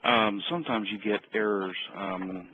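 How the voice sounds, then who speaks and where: A man's voice: lowish voice, steady tone, measured pace. A man calling in over a phone line, speaking hesitantly with many ums and restarts. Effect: heard over a phone line. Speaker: participant on a training call. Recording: muffled phone line with faint noise.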